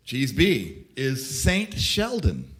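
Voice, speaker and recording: A man's voice: mid-range voice, huge pitch swings, very slow, fairly bright tone. A man hosting a comedy panel quiz, playful and laughing often, announcing answers with mock gravity. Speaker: quiz show host.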